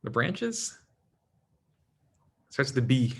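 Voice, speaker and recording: A man teaching an anatomy class in a relaxed, conversational way, calling on students by name and checking in with "right?" and "okay?" often. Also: mid-range voice, slow, husky. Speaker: anatomy instructor. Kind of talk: classroom lecture.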